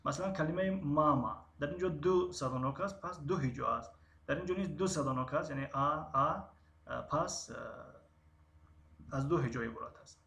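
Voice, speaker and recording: A man with a Tajik accent teaching a live-streamed language lesson, drilling syllables slowly and pausing often to think. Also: fairly high pitch, gravelly, pushed and bright, reverberant. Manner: slow, drawn-out syllable drills with frequent hesitations.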